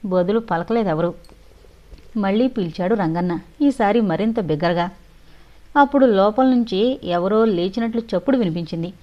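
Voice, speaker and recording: A woman narrating a suspense thriller audio novel in steady scripted storytelling. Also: medium pitch, moderate pace, long pauses. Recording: dull lo-fi recording.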